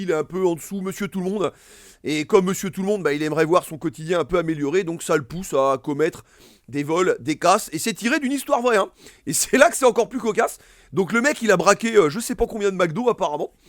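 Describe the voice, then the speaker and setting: Guy chatting about movies, kinda high voice, lots of euhs and restarts. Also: no echo, clean studio sound. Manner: rambling, many fillers and restarts. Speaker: film reviewer. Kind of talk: casual film review monologue.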